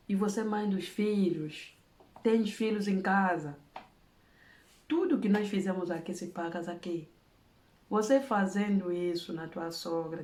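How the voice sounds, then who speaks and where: Speaking with an Angolan Portuguese accent, an Angolan woman gives emphatic, heartfelt advice in an impassioned monologue from her home in Germany. Her voice is fairly low and a little mellow, with a reverberant sound.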